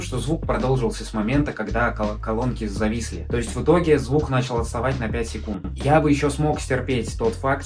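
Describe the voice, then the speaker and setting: Casual male tech reviewer over music. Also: mid-range voice. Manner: colloquial, complaining. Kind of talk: casual spoken product review.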